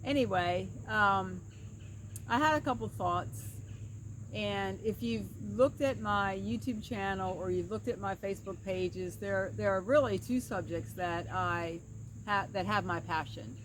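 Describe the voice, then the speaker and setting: A woman's voice: mid-range voice, measured pace. Slightly slurred woman talking outdoors over insect noise. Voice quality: slightly slurred speech, as if one side of the mouth is numb. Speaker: vlogger and pastoral counselor. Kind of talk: casual personal vlog. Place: outdoors by a creek. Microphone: camera at a short distance. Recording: outdoor creekside with clear insect and ambient noise. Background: insects and woodland ambience.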